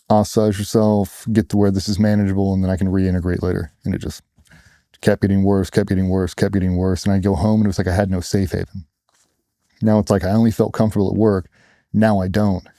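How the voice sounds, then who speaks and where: A man's voice: fairly low pitch, dark tone, no room sound, clean studio sound. A middle-aged man, a former soldier, telling his own story in a blunt, casual way, acting out what others said. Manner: blunt, casual, with acted-out quotes. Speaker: interview guest, former Navy SEAL. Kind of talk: candid personal storytelling.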